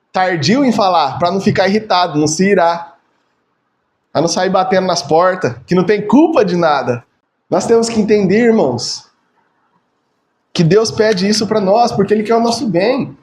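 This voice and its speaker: A man's voice: high-pitched, darkish tone. A man from Brazil preaching in a loose, chatty way, with a voice that sits well above the usual male range. He keeps checking in with his listeners and leans on repetition to drive his points home. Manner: chatty, tags phrases with "né?", repeats words for emphasis. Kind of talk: casual conversational sermon.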